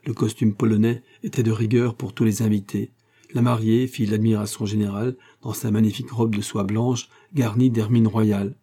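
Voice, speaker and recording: Male audiobook narrator, measured, very dark timbre, husky. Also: lowish voice, little pitch movement. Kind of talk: scripted narration of a novella.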